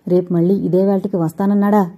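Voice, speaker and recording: A woman's voice: medium pitch, level tone, fast, warm tone, natural voice. A woman voicing a feverish, distraught young woman in an audio novel, with anguished, pleading speech. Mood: frightened, faint.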